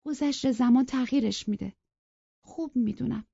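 A woman's voice: on the high side, vocal fry, dark tone, slightly rough, no room sound, voice pushed up. A woman voicing a passionate, headstrong young woman in love, talking in an impassioned, pleading and defiant way. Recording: dry, dull lo-fi recording.

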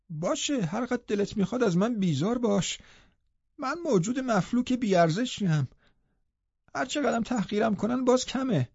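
Sickly, fearful teen boy, begging and sobbing; male reader doing the voice, high and dark-toned. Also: vocal fry, slightly rough, no echo, exaggerated voice. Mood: pleading. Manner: sobbing, begging, self-pitying. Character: frail sickly teenage boy, fearful and pleading. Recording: dull lo-fi recording.

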